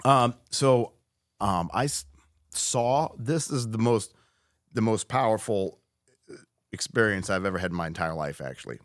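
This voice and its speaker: A man's voice: lowish voice, normal speed, pauses often, no room sound, studio quality. A man on a podcast as a guest, telling a story in a loose, profane way, often stopping and restarting. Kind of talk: casual storytelling chat.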